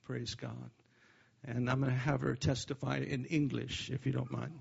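Gravelly joking missionary preacher. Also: male voice, mid-range voice, little pitch movement, normal speed, dull audio. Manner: folksy, joking, peppered with "amen" and "praise God". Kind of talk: sermon. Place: church service.

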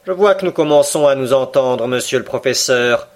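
A cool, commanding sea captain, read by a man, who speaks slowly and with quiet irony. His lines are measured and deliberate, as in a storybook reading. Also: medium pitch, close to an everyday voice. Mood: cool, ironic. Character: calm ironic male submarine captain, commanding. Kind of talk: audiobook character reading.

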